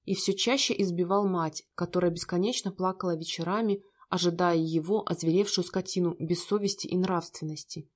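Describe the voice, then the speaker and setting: A woman narrating a story, reading every part in a steady narrating voice. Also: fairly low pitch, fairly quick, few pauses.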